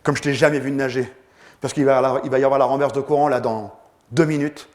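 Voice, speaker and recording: A man's voice: mid-range voice, steady tone, fairly quick, natural voice. A man voicing a serious swimming coach who gives a grave, insistent warning.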